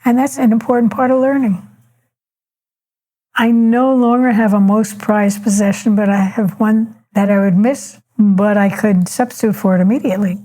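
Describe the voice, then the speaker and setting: An older woman speaking calmly and matter-of-factly, reflecting on her life and firm opinions in a measured way. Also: mid-range voice, poor audio. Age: older, 70s or above. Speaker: elder interviewee. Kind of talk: reflective personal storytelling.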